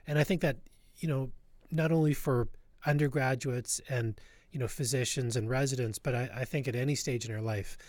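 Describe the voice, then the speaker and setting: A man's voice: mid-range voice, steady tone, normal speed, darkish tone, dry recording. A man hosting an interview podcast, speaking with many fillers and restarts. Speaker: podcast host.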